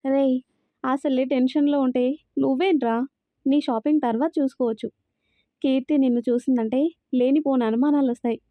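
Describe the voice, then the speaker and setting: A woman's voice: high-pitched, steady tone, moderate pace, pauses often, no echo, close to an everyday voice. Brief: woman narrator as tense young man at wit's end, dry muffled recording. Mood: exasperated. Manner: tense, exasperated. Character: stressed, exasperated young man. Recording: dry, slightly dull recording.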